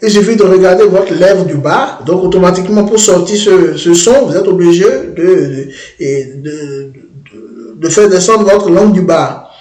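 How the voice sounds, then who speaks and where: A man presenting a language-learning app in a screen-demo tutorial, talking haltingly and often restarting and repeating words. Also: sits high, darkish tone, echoey room.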